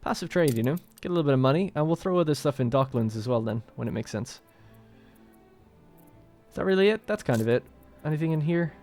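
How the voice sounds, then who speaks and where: A man's voice: a little high, animated, fast, darkish tone, faint music behind. Casual man narrating his strategy game. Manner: casual, thinking aloud while playing. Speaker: let's play host. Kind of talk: gameplay commentary.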